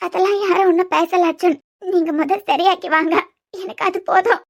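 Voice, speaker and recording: A woman voicing an anxious, devoted young wife in a cartoon, pleading softly in a Kanyakumari Tamil accent. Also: extremely high pitch, steady tone, brisk. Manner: pleading, soft. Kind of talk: cartoon voice acting.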